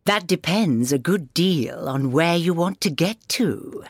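A man's voice: fairly high pitch, lively intonation, no echo, studio quality, voice pushed up, exaggerated voice. A man voicing a languid, good-natured, teasing cat in a storybook, drawing out the words nonchalantly. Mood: languid, amused. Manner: drawn-out, nonchalant.

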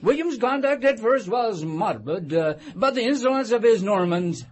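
A man voicing a fussy, pompous mouse who lectures dryly, with a husky voice. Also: high voice, animated. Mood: hurried. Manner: dry, lecturing, drawn-out delivery.

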